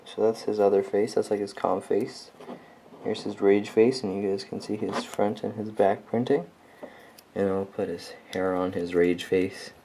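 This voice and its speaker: A man's voice: on the low side, creaky, a little mellow. A man casually reviewing a toy set on camera, rambling and enthusiastic with many ums and likes. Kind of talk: casual unscripted product review.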